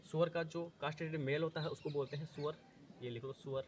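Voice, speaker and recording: A man's voice: a little high, fairly even intonation, quick pace, darkish tone, a little hiss or hum. A male teacher running an exam-prep lesson, repeating terms, asking and answering his own questions, often correcting himself.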